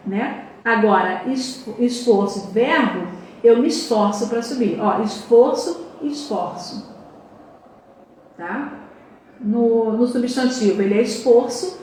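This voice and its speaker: A woman teaching a spoken Portuguese grammar lesson with a Brazilian accent, checking in with frequent tags and slowly repeating word pairs. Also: on the high side, recorded from a distance. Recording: very echoey room, voice off-mic.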